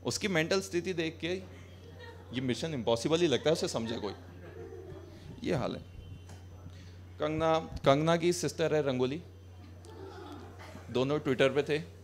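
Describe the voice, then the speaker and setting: On a small cafe stage, a young man performs a live stand-up set through a handheld mic, chatting with the audience in a sarcastic, conversational way and switching between Hindi and English. His voice is on the high side and unhurried, with long pauses and slight background noise.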